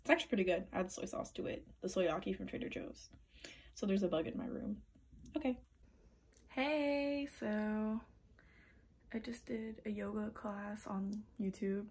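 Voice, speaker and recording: A woman's voice: medium pitch, moderate pace, pauses often, a little mellow, a little hiss or hum. Chatty young college woman vlogging. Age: 20s. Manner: chatty, filler-heavy, upbeat. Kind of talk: casual vlog chat.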